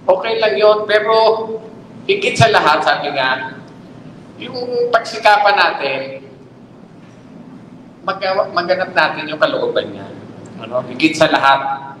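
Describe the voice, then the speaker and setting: Preacher, male, fairly high voice, rhetorical and exhorting, echoey church hall. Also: expressive, a little slow, pauses often, fairly bright tone. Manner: exhorting, asks rhetorical questions. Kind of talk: sermon. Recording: echoey hall, faint noise.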